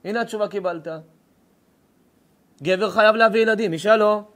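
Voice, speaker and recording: A man's voice: high voice, steady tone, a bit bright. A man playing an elderly rabbi who admonishes his student firmly but with compassion. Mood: admonishing.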